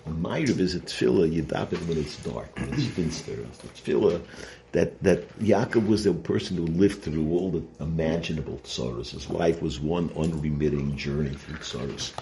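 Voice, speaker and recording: Male religious teacher, deep voice, conversational and halting delivery, some background noise. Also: vocal fry, mellow. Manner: conversational, halting, repeats phrases, rhetorical check-ins. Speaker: rabbi giving a Torah lesson. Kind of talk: informal sermon, Torah lecture.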